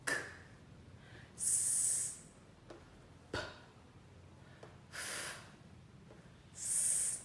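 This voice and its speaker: A woman teacher slowly and carefully explaining voiceless sounds to young pupils. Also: a little high, roomy sound, a little hiss or hum. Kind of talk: explaining a lesson to children.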